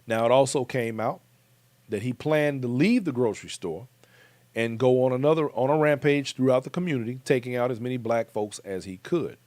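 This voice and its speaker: A man's voice: mid-range voice, expressive, a little fast, a little mellow, no room sound. A man with an American accent hosting a commentary show, talking emphatically and speaking straight to his viewers. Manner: emphatic, direct address to viewers.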